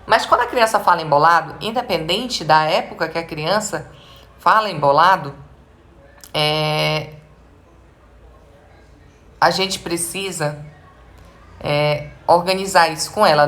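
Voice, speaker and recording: A woman's voice: fairly low pitch, a little slow, pauses often, a bit bright. A woman with a Brazilian Portuguese accent, a speech therapist giving a live advice talk to parents, speaking emphatically and asking them direct rhetorical questions.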